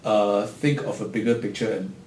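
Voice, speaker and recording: A man acting as a clinical supervisor, giving measured guidance and asking reflective questions. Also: darkish tone. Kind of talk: workplace supervision conversation. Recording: echoey room with faint rumble.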